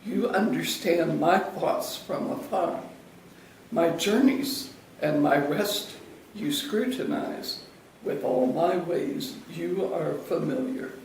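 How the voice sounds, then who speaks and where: Male church lector, deliberate and slow, heard from a distance in an echoing space. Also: on the high side, animated, darkish tone. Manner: deliberate, phrase by phrase. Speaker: lector reading scripture and psalm. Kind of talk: liturgical scripture reading. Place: church during a service. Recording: echoey, distant, noisy church recording.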